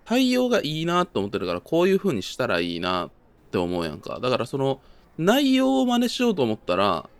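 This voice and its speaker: A man's voice: mid-range voice, wildly swooping pitch, fairly quick, clean tone, dry recording. A young man with a Kansai accent, chatting casually as a podcast co-host, explaining his thoughts in an agreeable way. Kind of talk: casual chat.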